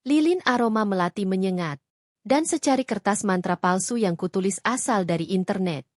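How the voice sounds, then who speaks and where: Brief: woman storyteller, dramatic scripted narration, animated pitch, dry studio sound. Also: normal speed, no room sound. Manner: dramatic, suspenseful.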